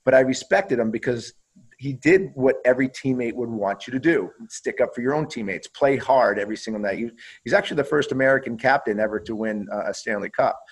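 A man's voice: medium pitch, a little fast, slightly rough, rough recording. A man who played pro hockey, telling stories in a casual interview and swearing freely, often repeating and restarting his words.

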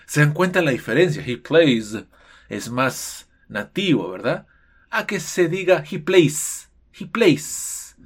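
A man teaching an English pronunciation lesson. His pitch leaps around lively and a bit high, but he takes his time, drawing words out slowly. He plays the part of his own students now and then. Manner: animated, playful, acts out students' objections.

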